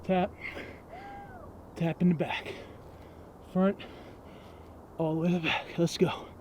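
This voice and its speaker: A man's voice: a little high, little pitch movement, takes it slowly, a little mellow, a little hiss or hum. A man working out as an aerobics instructor, energetically calling out counts and short motivating commands while exerting himself outdoors. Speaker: fitness instructor. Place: outdoors in a national park.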